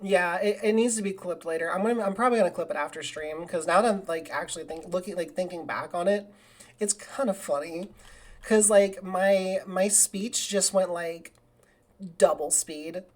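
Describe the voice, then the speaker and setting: A woman talking casually through a live game stream, with a voice sitting a bit low for a woman. She rambles along and now and then breaks into excited cheering. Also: normal speed. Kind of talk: casual live gaming commentary.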